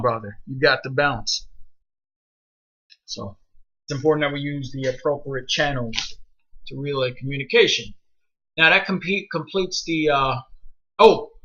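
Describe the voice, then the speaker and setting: A man with a bright, forceful voice lays down the rules to new recruits, blunt and commanding, and he swears freely. His voice sits a little high and comes through dull, lo-fi voice-chat audio. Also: breathy edge. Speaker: outfit leader training new members. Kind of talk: casual voice-chat instruction.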